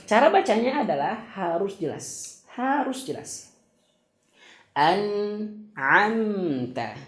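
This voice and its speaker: A man teaching Quran recitation in an online lesson, patiently demonstrating each sound with slow, drawn-out recitation and addressing viewers as friends and parents. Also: fairly high pitch, darkish tone, breathy edge.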